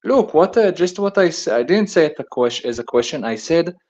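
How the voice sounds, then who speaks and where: A man calling in to a casual discussion, talking haltingly with many fillers. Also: on the high side, lively intonation, darkish tone. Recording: dull lo-fi line.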